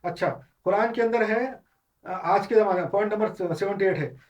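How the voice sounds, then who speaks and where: A man with a high voice speaks at a moderate pace in an unscripted Islamic lecture, heard through a distant mic with dull audio. His explanations move step by step in Hindustani full of English terms, with frequent restarts and fillers.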